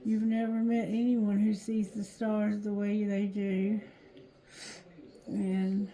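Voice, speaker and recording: Slow, drowsy woman with thick-tongued speech. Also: medium pitch, dark tone, poor audio. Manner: slow, halting, repeats phrases. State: tired, drowsy. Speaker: tarot reader. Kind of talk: intuitive card reading, casual monologue.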